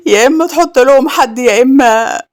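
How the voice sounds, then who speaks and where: Woman playing a worn young egyptian wife, pleading and strained, higher tone. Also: a little fast, natural voice. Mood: desperate. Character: young childless village wife, worn and desperate.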